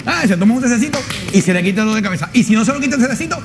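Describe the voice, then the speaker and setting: A man's voice: very high-pitched, animated, racing, music in the background. An actor playing a folksy know-it-all man who preaches old ladies' wisdom in a TV comedy sketch. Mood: knowing, preachy. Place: TV studio sketch set.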